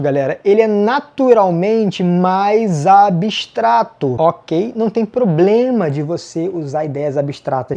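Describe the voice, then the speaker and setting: A man with a Brazilian Portuguese accent, giving a casual online essay-writing lesson. He is brisk and self-mocking, and he talks straight to his students. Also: high-pitched, warm tone.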